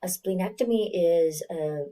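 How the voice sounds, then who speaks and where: A woman's voice: lowish voice, a little slow, warm tone. A woman with a Californian accent giving a recorded biology lecture, explaining in a conversational way and correcting herself as she goes. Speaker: biology instructor.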